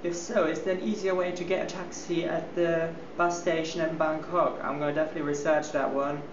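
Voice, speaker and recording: A man's voice: a little high, level tone, a little fast, lo-fi sound, background noise. A young man chatting upbeat to viewers while holding a camera at arm's length during a bus trip. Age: young adult. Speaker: travel vlogger. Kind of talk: casual travel vlog. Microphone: handheld camera at arm's length.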